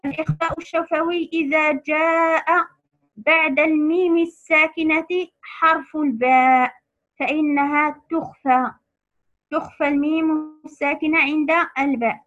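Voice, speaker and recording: Woman, high-pitched, recitation lesson, slow patient repetition, muffled lo-fi recording. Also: steady tone, fairly bright tone. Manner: patient, repeats key terms slowly. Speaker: Quran recitation teacher. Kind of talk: tajweed lesson for women.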